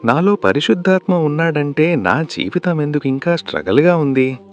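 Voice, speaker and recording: A man's voice: a little high, sing-song, moderate pace, muffled recording, faint music behind. A man narrating a devotional sermon in an earnest way, speaking straight to the listener. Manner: earnest, addresses the listener directly. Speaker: preacher.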